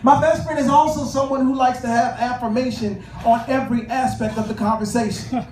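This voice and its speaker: A man with a very high voice performs a stand-up set, chatting through his stories and slipping into the voices of the people in them. He pauses often with "uh" between thoughts. The recording is roomy and taken from a distance. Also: fairly even intonation, a little mellow. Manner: conversational storytelling with filler pauses, acts out both sides of dialogues. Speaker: stand-up comedian. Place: comedy club stage with audience laughter. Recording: echoey room, from a distance, noisy.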